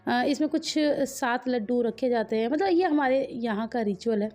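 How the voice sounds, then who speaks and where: A woman's voice: a little high, normal speed, a little mellow, soft background music. A woman vlogger in a chatty voice-over, talking straight to her viewers and quizzing them as she narrates family wedding footage.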